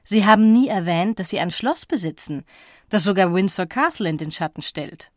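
A woman's voice: medium pitch, animated, moderate pace, no room sound, studio quality, natural voice. A woman reading an audiobook voices an enthusiastic aristocratic man who exclaims in a raised voice. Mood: delighted.

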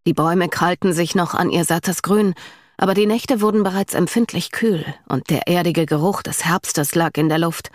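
A woman reading a novel aloud as a narrator, in a calm, even storytelling manner. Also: on the low side, moderate pace, dry recording, clean studio sound. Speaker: audiobook narrator. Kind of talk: scripted narration.

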